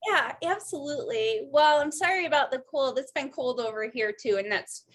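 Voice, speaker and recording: A woman's voice: sits high, normal speed, fairly bright tone. A young adult woman hosting a podcast interview, bubbly and gushing with enthusiasm. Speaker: podcast host. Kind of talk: casual interview chat.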